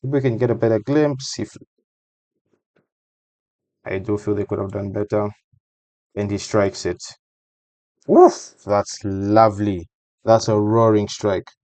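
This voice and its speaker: A man's voice: lowish voice, steady tone, measured pace, pauses often, darkish tone, no echo. A man giving a casual voice-over breakdown of a football match, talking conversationally and repeating phrases for emphasis.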